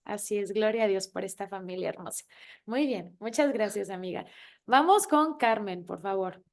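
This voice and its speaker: A woman hosting a faith-based reading circle, chatty and animated, laughing often and calling her listeners friend. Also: mid-range voice, normal speed. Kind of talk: faith-based casual talk to a reading group.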